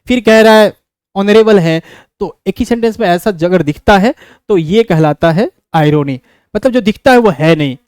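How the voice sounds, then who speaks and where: A man's voice: sits high, smooth, dry recording, studio quality. A male teacher with a Bihari Hindi accent, giving an exam-prep lecture on literary devices, asking questions and answering them himself. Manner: explains step by step, asks and answers his own questions; reads English examples slowly.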